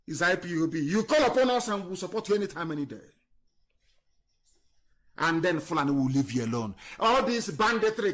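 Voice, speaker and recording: A fiery man delivers a scornful political monologue on a live online stream, his voice sitting high. He drives points home with repeated jabs, then drops to a low mutter before rising again. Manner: fiery, scornful, repetitive insults; swings between loud emphasis and low muttering. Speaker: political broadcaster.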